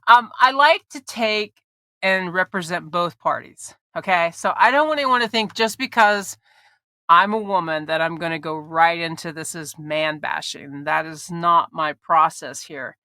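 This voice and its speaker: A woman with a fairly low, pushed, bright voice hosts a podcast, speaking unhurriedly in clean studio sound with no echo. Congested from allergies, she chats casually, laughing often, with frequent ums and restarts.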